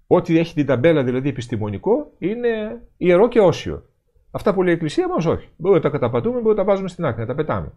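A middle-aged Orthodox priest preaches in an emphatic, questioning way. His pitch rises and falls a great deal as he stresses his points, over a warm, mellow tone. He moves between reading passages aloud and commenting on them. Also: dull audio. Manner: animated, emphatic, rhetorical questions.

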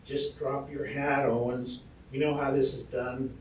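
A man reading aloud while voicing a drunk, quarrelsome cavalry private who taunts loudly in a frontier drawl. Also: medium pitch, little pitch movement, a little slow, slight background noise, lightly acted. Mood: belligerent taunting. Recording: roomy hall, distant mic, faint ambience.

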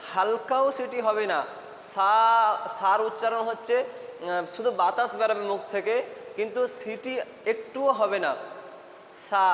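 A man from Bangladesh teaching Quran letter pronunciation, repeating each sound slowly and emphatically. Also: high voice, a bit bright, a little hiss or hum. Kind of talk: spoken pronunciation lesson. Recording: echoey room with faint ambience.

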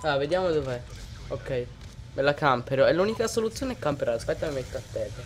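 A gamer giving gameplay commentary, swinging between low muttering and outraged yelling at opponents. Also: lively intonation, fast talker, soft background music.

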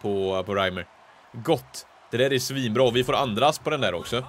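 A man giving live, excitable commentary on his own video game play, breaking into shouts at big chances. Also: mid-range voice. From Sweden. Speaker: gaming YouTuber.

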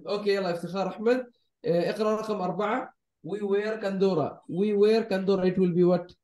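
High-voiced male tutor on a video call, slow and patient, repeats phrases for students. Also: fairly even intonation, warm tone. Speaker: Arabic teacher. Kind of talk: live online language class.

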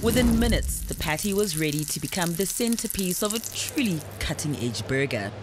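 A woman reporter reading a scripted, lively news voice-over. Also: fairly low pitch, moderate pace, background noise. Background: music bed.

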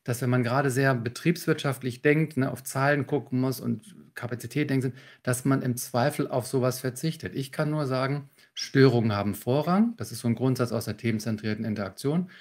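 Gravelly, husky male trainer explaining calmly. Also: medium pitch, fairly quick, hardly any pauses. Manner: calm, instructive, walks through techniques with examples. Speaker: communication trainer, guest. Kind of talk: explanatory podcast interview.

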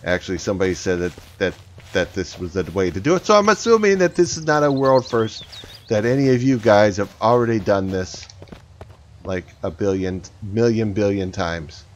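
A man hosting his own gaming channel, chatting excitedly to viewers as he plays. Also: lowish voice, moderate pace. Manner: excitable, talks to viewers while playing. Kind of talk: casual gameplay commentary. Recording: slightly dull, faint background noise.

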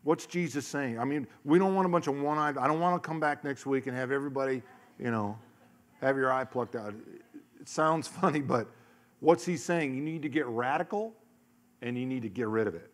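A middle-aged man, a pastor, preaching a sermon into a handheld microphone on a large church stage, telling stories and acting out voices, dropping to a hush and then rising loud. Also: mid-range voice, brisk. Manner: storytelling, acts out voices, shifts from hushed to loud. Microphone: handheld mic.

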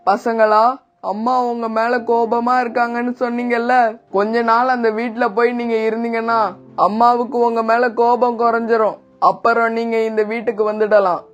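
Man voicing a kindly pigeon uncle, very high. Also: level tone, moderate pace, smooth. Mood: gentle. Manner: gentle, sorrowful. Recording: dull lo-fi with faint music.

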